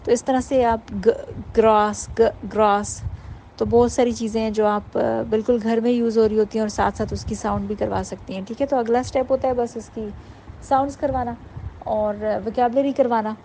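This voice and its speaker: A woman giving an informal workshop talk to mothers, explaining patiently and sounding out letters slowly. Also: fairly high pitch, fairly even intonation, dark tone, slight background noise, poor audio. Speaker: parenting workshop teacher.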